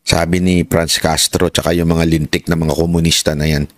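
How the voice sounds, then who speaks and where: A man's voice: little pitch movement, normal speed, no echo, clean studio sound. A man giving casual political commentary on a live stream, mocking and rhetorical, always asking his listeners whether he is right. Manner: mocking and sarcastic, with sharp jumps in pitch.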